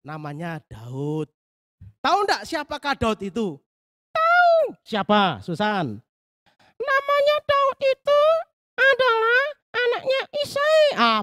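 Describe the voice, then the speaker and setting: A man leading a Sunday school lesson, talking to the children in a lively, coaxing way and telling a Bible story. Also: high voice. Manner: animated, coaxing, talks straight to the children.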